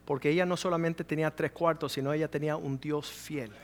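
A man's voice: fairly high pitch, a little fast. A middle-aged man preaching a sermon as a pastor, telling stories and acting out the voices of people in them. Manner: animated storytelling, acting out quoted voices.

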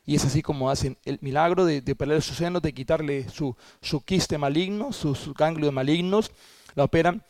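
A man preaches from the pulpit, his voice sitting a touch high for a man. He tells his testimony earnestly and stumbles over restarts now and then. The sound is close and dry, with no room behind it. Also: darkish tone, no room sound. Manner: earnest storytelling, with halting restarts. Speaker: pastor. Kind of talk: sermon testimony.

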